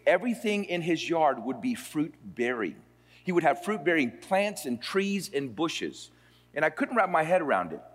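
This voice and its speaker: A man from Puerto Rico preaching a sermon as pastor. He reads scripture and moves between slow, emphatic phrases and quicker stretches. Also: on the high side. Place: seminary chapel. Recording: long hall reverb.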